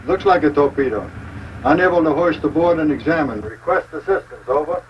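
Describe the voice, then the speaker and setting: An actor playing a shrimp trawler captain calling over marine radio in clipped radio procedure talk. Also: male voice, a little high, a little fast. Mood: urgent. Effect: marine radio transmission. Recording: dull distant old film audio with faint noise.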